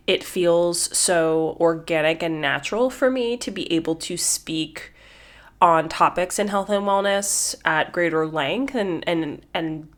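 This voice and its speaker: A woman hosting her own podcast in casual solo talk, a little congested, chatty and repeating words as she thinks. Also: fairly low pitch. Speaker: podcast host.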